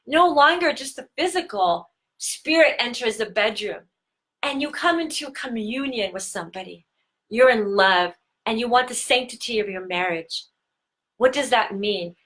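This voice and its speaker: A woman tantra teacher hosting a live-streamed talk, speaking earnestly and slowing down on key words. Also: sits high, fairly bright tone.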